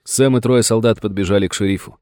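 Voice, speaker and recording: Low-voiced male audiobook narrator. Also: quick pace, no echo, clean studio sound. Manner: steady, dramatic storytelling.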